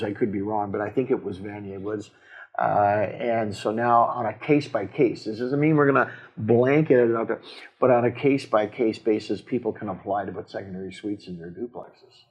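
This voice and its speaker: A man, a city mayor, explaining council decisions in casual talk, halting with many fillers and restarts, with a Canadian accent. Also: on the low side, fairly even intonation, slightly rough, highs cut off. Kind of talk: casual civic discussion.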